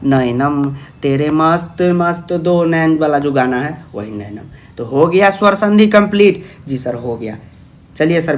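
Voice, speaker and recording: Male tutor with a fairly high voice who explains patiently and coaxes his students along, voicing their questions himself. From India. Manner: asks and answers imagined student questions himself; coaxing, calls listeners "babu". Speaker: teacher. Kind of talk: classroom-style grammar lesson.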